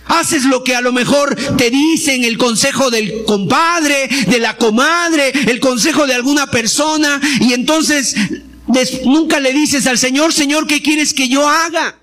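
Man, preacher, sermon, impassioned, very high-pitched, bright tone. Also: unhurried. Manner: impassioned, shouts during pleas; acts out prayers and quoted pleas.

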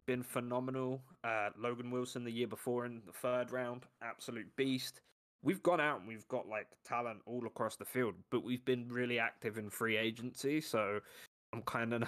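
A man's voice: medium pitch, fairly bright tone. Blunt, swearing man in casual sports talk. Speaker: podcast co-host. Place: lives in Ohio.

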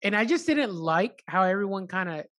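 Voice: medium pitch, expressive, normal speed, a bit bright. A podcast host who says they are hungover, chatting casually with a guest, loose and swearing freely. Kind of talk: casual chat.

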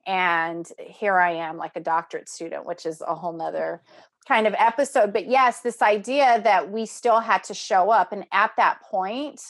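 A woman's voice: mid-range voice, normal speed. A woman in her thirties speaking in a reflective, earnest way in a casual conversation. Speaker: doctoral student.

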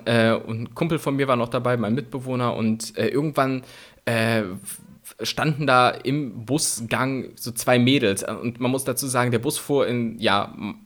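This young podcast co-host rambles through anecdotes, his storytelling loose and full of slang. He has a mid-range voice with a fairly bright tone.

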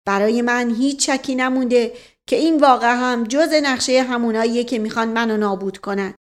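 Woman reading a curt scolding old head of the family, forceful, storybook. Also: high-pitched, close to an everyday voice. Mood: stern. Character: stern, touchy older family patriarch.

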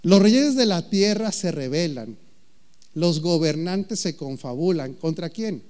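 A man preaching a sermon, joking with the congregation and calling out questions, with slow, emphatic phrasing. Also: on the high side, lively intonation, a little mellow. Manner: playful, jokes with the congregation, calls out questions. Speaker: pastor.

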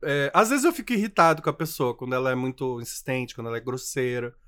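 A Brazilian man co-hosts a relaxed podcast chat in a medium-pitched voice. He jokes and teases his partner in an easy, conversational way. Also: fast talker, clean tone. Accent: Brazilian Portuguese. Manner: playful, teasing. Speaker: podcast co-host. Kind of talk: casual chat.

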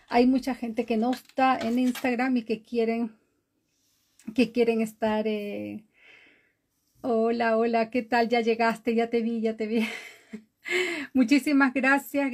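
A woman from Ecuador hosts a live online interview show from her home in Norway, chatting in an exclamatory way and laughing often. Her voice is fairly high with a darkish tone. It comes through a video call as dull lo-fi live-stream audio.

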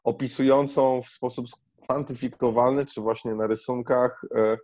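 Hesitant podcast co-host, dry sound. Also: male voice, medium pitch, fairly even intonation, moderate pace, a little mellow, no echo. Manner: hesitant, many fillers and restarts. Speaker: podcast co-host, workshop leader. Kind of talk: casual podcast chat.

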